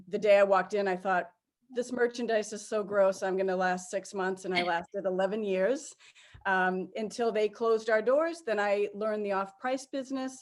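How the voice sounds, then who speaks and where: Middle-aged woman with a Boston-area accent. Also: mid-range voice. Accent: Boston-area New England. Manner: self-deprecating, informal. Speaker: interview guest, sales executive. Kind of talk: casual spoken career introduction.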